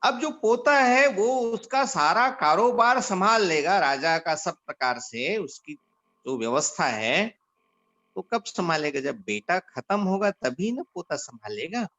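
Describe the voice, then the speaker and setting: A man from India gives a slow, deliberate instructive talk to volunteers. His fairly high voice swings widely in pitch as he tells parables. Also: sing-song, fairly bright tone, dull audio. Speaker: organisation leader giving guidance to volunteers.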